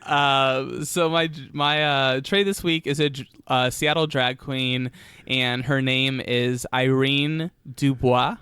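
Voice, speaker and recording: Casual podcast co-host, male, campy and sassy, slow hesitant delivery, very dry studio sound. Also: medium pitch, fairly even intonation, pushed and bright, clear, resonant tone, dry recording. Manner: sassy, campy drag-queen slang. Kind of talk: casual chat.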